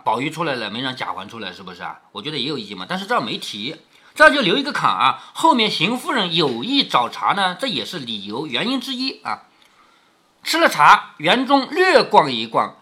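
A man reading a classic novel aloud to his daughter, pausing to explain and asking her rhetorical questions. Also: high-pitched, bright, forceful tone, husky. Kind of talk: storybook reading with commentary.

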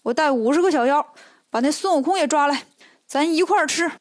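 A bragging male tiger demon swaggers through the lines, voiced by a woman telling the tale. The voice sits high and sounds sure of itself, like a boastful storybook villain. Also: brisk, no room sound, clean studio sound, lightly acted. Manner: bragging, cocky.

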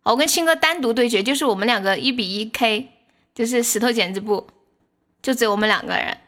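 A woman hosting a livestream voice chat game, lively and teasing. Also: fairly high pitch, fast talker. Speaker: livestream host.

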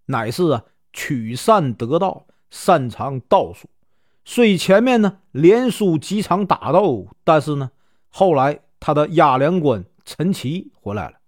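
A man from Northeast China with a Northeastern Mandarin accent retells an old legend in a relaxed, chatty storytelling voice. His pitch sits somewhat high and rises and falls widely, and he draws out filler particles between phrases. The recording is dry and close. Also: no room sound. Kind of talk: casual storytelling of a classic novel.

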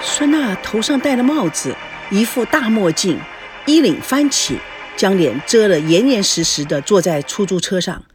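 A woman narrating an audiobook story with an expressive, dramatic reading. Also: medium pitch, moderate pace, over music. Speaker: story reader.

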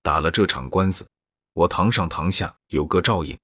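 A man's voice: low voice, normal speed, fairly bright tone, slightly rough, no room sound, clean studio sound. A man voicing anxious male yamen constables in a storybook reading. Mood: worried. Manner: anxious, sighing.

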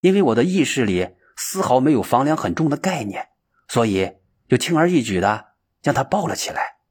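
A man doing a calm, earnest young Huineng. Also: mid-range voice, moderate pace, husky. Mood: explaining.

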